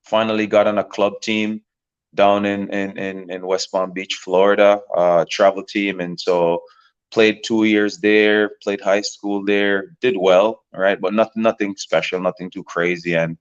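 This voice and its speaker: A man in his thirties from Jamaica talks through his story in a relaxed, rambling way, looping back on his words. His voice sits very low. The recording sounds a little dull and lo-fi. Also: unhurried, smooth. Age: 30s. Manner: relaxed, rambling with many fillers and repeated words. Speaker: professional soccer player, guest. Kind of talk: casual interview talk.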